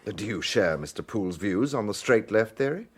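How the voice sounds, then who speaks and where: Inspector Alleyn, courteous British detective. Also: male voice, lowish voice, animated, breathy edge. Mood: probing, courteous. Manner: measured, polite, questioning. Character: courteous, probing gentleman police inspector. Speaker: radio drama actor. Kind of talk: British radio detective drama acting.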